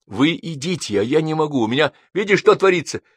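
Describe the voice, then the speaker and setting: A man's voice: on the high side, expressive, quick pace, slightly rough, no room sound, studio quality, voice pushed up. A male reader voicing an exasperated, harried man who keeps protesting.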